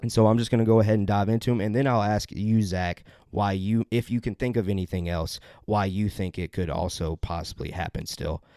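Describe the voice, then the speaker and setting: A man with a lowish voice hosts a casual podcast. He talks upbeat and loose, stumbling through plugs and correcting himself as he goes. The sound is close and dry with no room around it. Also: fairly quick, hardly any pauses, dark tone, no room sound. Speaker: podcast host.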